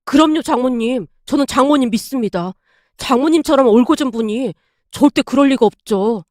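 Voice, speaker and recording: Polite son-in-law, voiced by a woman, formal, reassuring, high voice. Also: lively intonation, moderate pace, a little mellow, dry recording, clean studio sound. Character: respectful middle-aged son-in-law, reassuring.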